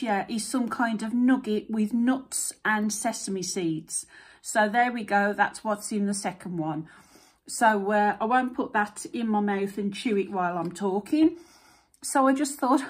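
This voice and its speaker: A woman's voice: fairly high pitch, a little mellow. A woman vlogging at home in a casual, chatty way, thinking aloud with fillers as she shows things and tastes food. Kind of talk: casual chat.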